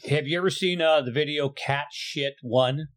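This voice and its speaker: A man in casual podcast chat, enthusiastic and quick with quips. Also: a little high, a bit bright, a little hiss or hum.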